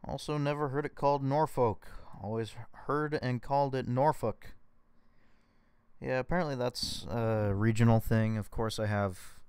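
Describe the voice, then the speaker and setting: A man's voice: mid-range voice, steady tone, moderate pace, few pauses, a little mellow, smooth, dry recording. A young man with a US West Coast accent, chatting casually on a livestream, thinking aloud and poking fun at himself. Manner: thinking aloud, self-mocking.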